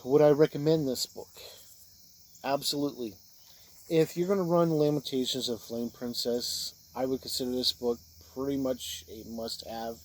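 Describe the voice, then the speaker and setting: A man gives an informal spoken review of role-playing books, speaking plainly and haltingly in short phrases. His voice is medium-pitched with a steady tone, and the audio quality is poor.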